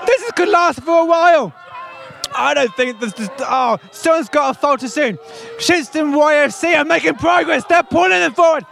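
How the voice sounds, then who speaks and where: A man giving excited, shouted play-by-play commentary on a tug of war at an outdoor village fair. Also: very high voice, normal speed, gravelly, some chatter behind. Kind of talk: live sports-style commentary.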